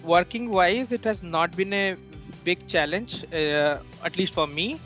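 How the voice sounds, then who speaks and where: A man from India talking about his work in a casual team meeting, with many pauses and fillers. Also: sits high, a bit bright, soft background music. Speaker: team member.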